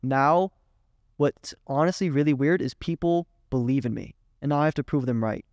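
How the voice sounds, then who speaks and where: A young man in his twenties, a guest in a casual interview, telling animated stories and acting out what others said. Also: on the high side, moderate pace, dry recording, clean studio sound. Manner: animated, swearing, quoting others in dialogue. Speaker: guest, agency owner.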